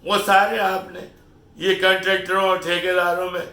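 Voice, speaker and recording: A middle-aged Pakistani man who hosts a channel gives an opinion monologue, lecturing and scolding his listeners with rhetorical questions. His voice sits high, sounds pushed and bright, and has little pitch movement. The recording is in an echoey room, his voice distant from the mic.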